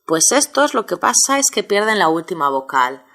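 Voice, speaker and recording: A woman's voice: mid-range voice, big pitch swings, normal speed, fairly bright tone. A woman teaching a grammar lesson, explaining step by step with many examples. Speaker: Spanish teacher.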